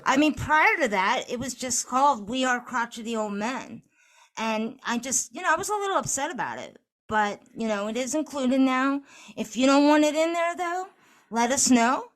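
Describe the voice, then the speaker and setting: A woman co-hosting a casual podcast, her voice a touch high. She leads the segments in an organized, steady way. Her speech is loose and filled with "um" and "you know.". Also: moderate pace. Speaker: podcast co-host.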